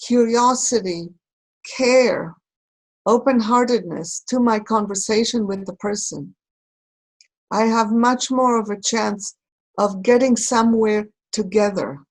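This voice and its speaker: A woman from Israel speaking reflectively in a recorded conversation, pausing and searching for her words. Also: fairly high pitch, a little mellow, low-quality recording. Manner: thoughtful, halting, searching for words. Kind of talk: reflective talk.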